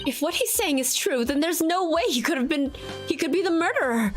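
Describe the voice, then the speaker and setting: An earnest young defense attorney presses the case, the voice swinging lively up and down as a woman reads the part a bit lower than her own voice. Game music sounds clearly in the background. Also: fairly quick. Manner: earnest, reading dialogue aloud.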